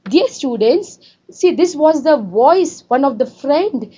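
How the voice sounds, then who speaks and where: Woman teacher, mellow and high voice, quizzing her class. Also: expressive, slow pace, highs cut off. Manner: repetitive, asks students questions. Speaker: English teacher. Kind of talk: classroom lesson explaining a story.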